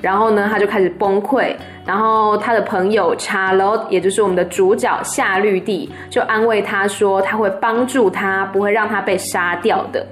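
A woman's voice: mid-range voice, steady tone, normal speed, few pauses, faint music behind. Playful Taiwanese-accented woman storyteller. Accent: Taiwanese Mandarin. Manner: playful, laughing commentary. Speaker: storyteller host. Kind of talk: storybook reading with chatty asides.

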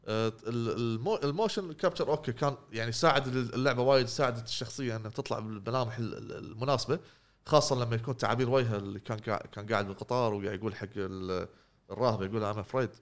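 A man, co-hosting a casual gaming podcast, rambling with many restarts. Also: medium pitch. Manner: fast, rambling, many restarts and trailing words. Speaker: podcast co-host.

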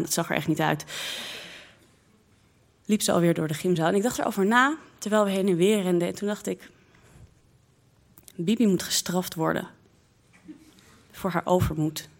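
A woman recounts a childhood memory in the first person, taking her time and bringing the scenes to life. Her voice sits slightly low. She tells it as a personal story to listeners. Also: creaky. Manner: slow, lively, expressive storytelling.

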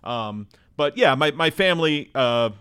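Measured man in his forties, dry sound. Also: a little high, expressive, fairly bright tone, clean tone, no room sound. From New Jersey. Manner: detailed, measured storyteller. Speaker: guest, baseball broadcaster. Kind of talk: casual interview chat. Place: office near a studio.

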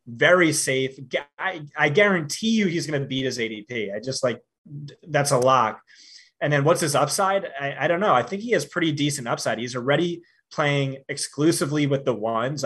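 Podcast guest analyst, male, conversational, stumbles into sentences then states views flatly. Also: mid-range voice, breathy edge. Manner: frequent fillers and repeated starts, confident opinions. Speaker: fantasy football analyst guest. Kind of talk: casual podcast discussion.

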